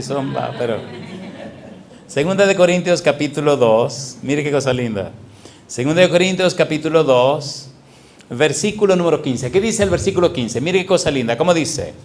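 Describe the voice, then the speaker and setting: A middle-aged male pastor preaching a lively sermon in a church, often asking the congregation questions. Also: fairly high pitch. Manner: animated, asks the congregation repeated questions. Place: church sanctuary.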